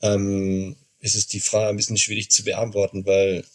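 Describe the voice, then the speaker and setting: A man's voice: on the low side, completely flat delivery, normal speed, darkish tone. A man in his forties from Argentina, talking in a casual podcast chat, hesitant and searching for words. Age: 40s. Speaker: podcast guest, father.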